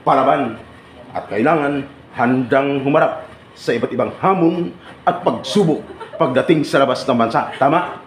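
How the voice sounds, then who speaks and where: A man with a medium-pitched voice gives a live seminar to trainees in a training room, talking at normal speed. He teases and banters with the audience and often asks them to agree. The room is echoey and there is background noise.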